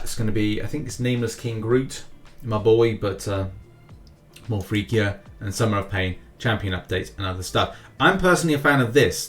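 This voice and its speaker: This time the mobile game news host sounds lower in pitch, though his tone stays fairly bright. Over background music, he chats casually through a gaming update for viewers, with jokey asides and a punchy, sing-song way of talking.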